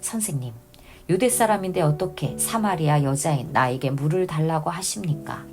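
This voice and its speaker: A woman's voice: sits low, normal speed, music in the background. A woman reading as a Samaritan woman at a well. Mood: questioning.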